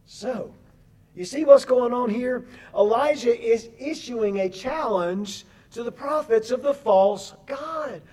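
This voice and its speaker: A man's voice: very high voice, takes it slowly, dark tone. A man preaching a sermon, reading scripture aloud and breaking off for chatty asides to his congregation. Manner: addresses the congregation as folks.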